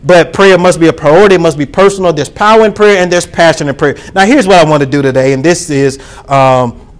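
A pastor preaching a sermon to his congregation, calling for responses and rising to shouts. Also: fairly high pitch, a little fast.

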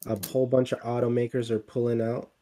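A man talking casually on a podcast with a warm, mellow tone. He rambles, restarts sentences and fills gaps with ums and likes. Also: medium pitch, completely flat delivery, fast. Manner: rambling, many fillers and restarts. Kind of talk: casual chat.

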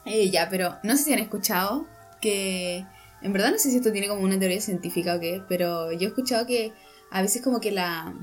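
A woman's voice: medium pitch, a little fast, faint music behind. A young woman with a Chilean Spanish accent, chatting in a hesitant way that trails off. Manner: hesitant, trailing off, many fillers. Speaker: podcast co-host. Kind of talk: casual chat.

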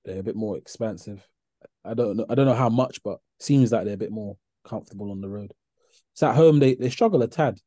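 A man's voice: lowish voice, fairly quick, warm tone, no room sound, studio quality. A man with a London accent hosting a casual football chat. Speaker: podcast host.

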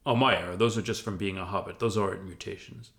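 Man doing a sardonic mind-reading magic hat, intrusive, deadpan drawl, bored and dismissive, audio parody. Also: low voice, fast, pitched below the performer's own voice. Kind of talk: scripted audio fan-fiction parody.

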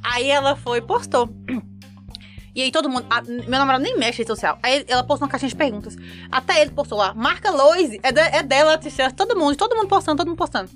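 Her voice sits high and moves quickly, with faint music behind. A young woman from Montes Claros, northern Minas Gerais, appears as a guest in a chat, telling a story in a Mineiro Brazilian Portuguese accent and animatedly acting out what everyone said, dramatizing herself along the way.

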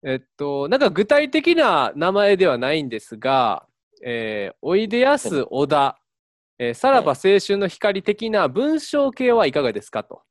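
A man's voice: high voice, sing-song, normal speed, no room sound, studio quality. A man with a Kansai accent co-hosting a casual radio chat, with the teasing retorts of a comic straight man. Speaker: radio show co-host.

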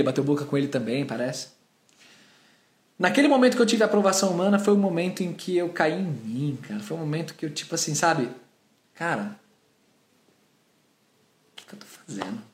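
A Brazilian man in his thirties preaching, telling a personal story with acted-out scenes and sound effects. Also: high voice. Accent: Brazilian Portuguese. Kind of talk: storytelling sermon with a confession. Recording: roomy echo.

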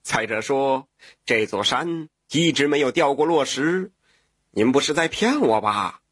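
A man's voice: mid-range voice, animated, a little slow, fairly bright tone, dry recording, studio quality. A man voicing a simple, cheerful old woodcutter who talks in a folksy, exclamatory way with sighs and chuckles. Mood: amused doubt. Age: older.

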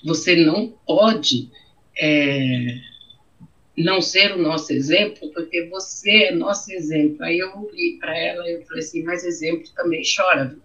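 With a voice on the low side and a fairly bright tone, a middle-aged woman with a Brazilian accent speaks at a measured pace about her own story in an interview. She becomes emotional and repeats phrases. The sound is dull and muffled.

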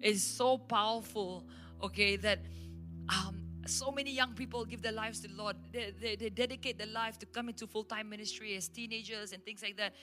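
Faint instrumental worship music accompanies a woman pastor preaching at a church service in a Malaysian English accent. She tells stories emphatically and with animation, her voice medium in pitch and normal in speed.

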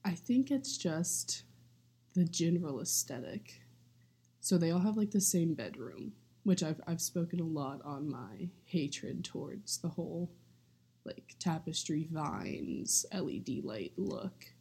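A young woman co-hosting a casual chat podcast, talking with vocal fry and filling her sentences with "like.". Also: sits low, animated, slow, dark tone. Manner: vocal fry, heavy use of "like". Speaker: podcast co-host.

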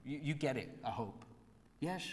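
A man with an English accent preaching a sermon earnestly, climbing to emphatic peaks and then dropping to a soft, low voice. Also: expressive, unhurried. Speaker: pastor. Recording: church hall reverb.

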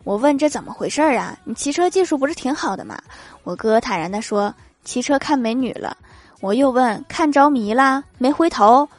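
A woman's voice: high voice, lively intonation, a little fast, no room sound. A young woman hosting a joke show, telling funny everyday stories in an upbeat way and chuckling at her own punchlines. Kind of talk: comedic joke storytelling.

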